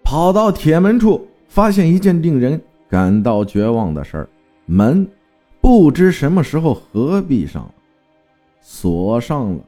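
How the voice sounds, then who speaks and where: Man, horror story narrator, mellow tone, lively dramatic pitch. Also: measured pace, faint music behind. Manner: dramatic storytelling, voicing terse commands.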